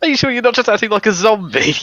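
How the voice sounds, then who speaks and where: Giggly podcast co-host, very animated. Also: male voice, sits high, racing, no echo, dull audio. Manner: giggly, reads quotes aloud. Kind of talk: casual podcast chat.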